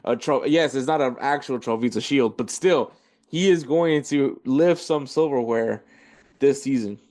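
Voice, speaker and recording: A man's voice: mid-range voice, normal speed, a little mellow. A man hosting a casual football podcast, rambling and correcting himself as he reads through league standings. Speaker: podcast host.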